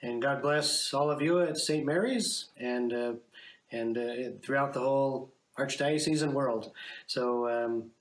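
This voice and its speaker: Priest chatting on an echoey call. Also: male voice, medium pitch, a little slow, a little hiss or hum. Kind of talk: casual chat on a video call. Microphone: computer mic on a video call. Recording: echoey video-call audio.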